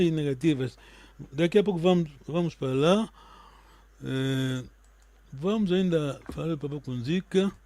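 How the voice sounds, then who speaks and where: A man's voice: on the high side, darkish tone, no echo. A man whose first language is Kikongo, teaching an online language lesson and patiently explaining words one by one with frequent check-in questions.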